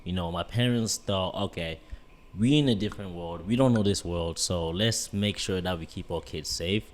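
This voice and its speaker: Man, 20s, from Cameroon, podcast guest, very deep voice, storytelling. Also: moderate pace. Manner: animated storytelling, lots of "you know". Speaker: guest, bodybuilding coach. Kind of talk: casual interview chat.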